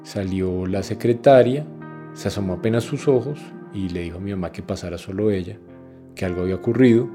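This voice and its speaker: A man giving quiet, reflective testimony. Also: deep voice, a little fast. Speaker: interviewee, son recounting. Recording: guitar music behind voice.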